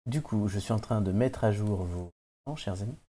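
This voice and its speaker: A man's voice: lowish voice, moderate pace, mellow, husky. A man hosting a casual quiz podcast who teases the players and builds mock suspense around their scores. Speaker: quiz host.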